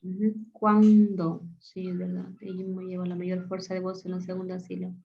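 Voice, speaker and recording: A woman teaching a class, repeating words aloud slowly as she points them out. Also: fairly low pitch, monotone. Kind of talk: classroom lesson. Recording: dull lo-fi sound.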